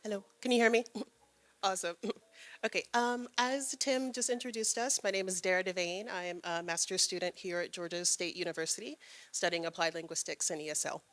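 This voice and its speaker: A graduate student in her twenties answers questions on a panel in an event room with an audience. She's friendly and chatty with lots of ums, and her lowish voice is steady, fairly quick, and fairly bright.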